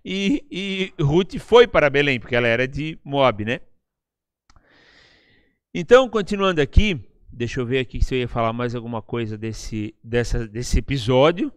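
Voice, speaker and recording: A man's voice: mid-range voice, lively intonation, normal speed, clean tone, dry recording, clean studio sound. A man with a Brazilian Portuguese accent preaching a sermon in a conversational, teaching way, often checking in with his listeners. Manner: chatty, tags lines with questions to the listeners. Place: church service, live-streamed.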